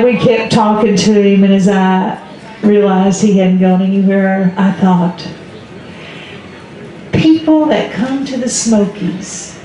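An older woman storyteller with an Appalachian accent and a mellow, warm tone. She spins folksy tales for a live audience, slipping into quoted dialogue. The sound is an echoey outdoor microphone with faint noise behind it. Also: medium pitch. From Southern Appalachia, Smoky Mountains. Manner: folksy, quoting relatives and neighbours in dialogue. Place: outdoors under an open tent at a public event. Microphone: handheld microphone through a PA.

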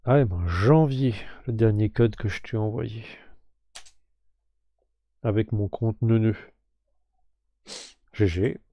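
A man hosting a live game stream, slowly drawing giveaway winners and muttering to himself with whispered asides. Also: lowish voice, dry recording, muffled recording.

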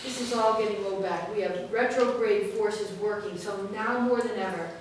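A woman's voice: medium pitch, moderate pace, distant mic. An older woman moderates a community panel and introduces the speakers in an emphatic, rambling way. Her voice sits in a middle range for a woman. She is picked up from afar in a small, very echoey room with faint background noise. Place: small meeting room indoors. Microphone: far room mic.

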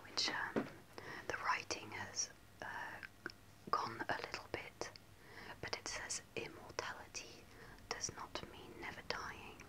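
In a small room before a starry backdrop, a young woman who makes ASMR content tells a personal story in an unhurried, soft, unvoiced whisper. She hesitates often, with many ums, speaking close to a face-level camera, and the audio is poor.

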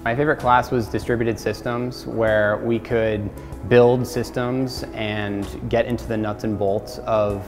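A man's voice: fairly low pitch, flat delivery, a little slow. A young man in his twenties from rural Pennsylvania, a graduate student speaking steadily and matter-of-factly in an interview testimonial. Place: indoor university hallway. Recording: long reverb with music behind.

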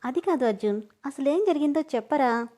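A woman voicing an affectionate, emotional young wife who pleads and pouts, going higher when upset. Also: animated, a little fast, mellow. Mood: pleading. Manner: pleading and pouting, raises pitch when upset.

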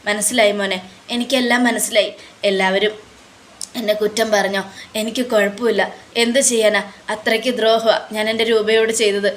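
A woman voicing a scheming older father who is grief-stricken and pleads in a tearful, halting way in a retold TV serial. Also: mid-range voice, flat delivery, a little hiss or hum, lightly acted. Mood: grieving. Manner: tearful, begging, halting repetitions.

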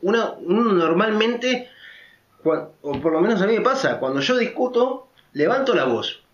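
A man speaks in a loud, emphatic way, sitting higher in pitch than most men. He talks through a casual opinion monologue, often checking in with quick tag questions. The recording is roomy and a little dull. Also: sing-song. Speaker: vlogger.

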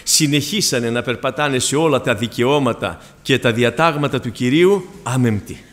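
A man preaching a sermon with a Greek accent, telling personal stories and rising to fervent emphasis. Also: medium pitch.

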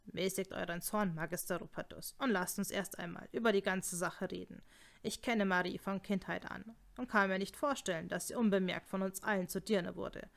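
A woman reading the lines of a conciliatory man who tries to mediate, in a calm, appeasing manner, in an audiobook. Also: mid-range voice, moderate pace, creaky, close to an everyday voice.

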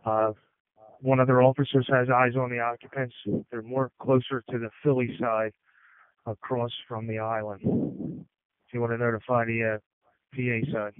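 A male rescue responder reporting from the field over a two-way radio, quick and informal, with fillers between facts. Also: mid-range voice, level tone, clean tone, dry recording. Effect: two-way emergency radio transmission. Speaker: rescue unit member in the field. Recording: tinny, dry radio channel.

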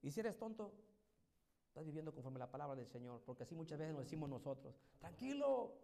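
A high-pitched man preaching a sermon to his congregation, swinging between loud, fervent calls and hushed, tender stretches. He is a middle-aged pastor speaking in a church. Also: quick pace. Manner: impassioned, swings from loud exhortation to soft intimate tones.

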